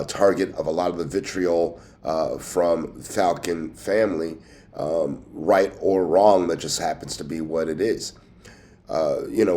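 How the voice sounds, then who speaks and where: With a low, slightly mellow voice, a man hosts a sports team news show, chatting in a folksy, conversational way. A cold has left him with a scratchy throat, and he sounds stuffed up and nasal, almost like he's holding his nose.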